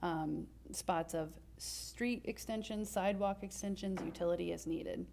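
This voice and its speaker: A woman's voice: lowish voice, unhurried, creaky, darkish tone, a little hiss or hum. A woman from city planning staff, explaining a development plan step by step to a council, with frequent ums and uhs. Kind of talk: presenting a staff report.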